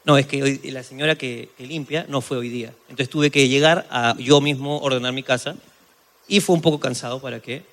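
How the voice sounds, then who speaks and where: A man co-hosting a comedy podcast, telling stories in an animated way and acting out other people's voices. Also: mid-range voice, a little fast, long reverb tail. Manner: animated storytelling, acts out voices, laughs often. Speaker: podcast co-host. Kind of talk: comedic casual chat.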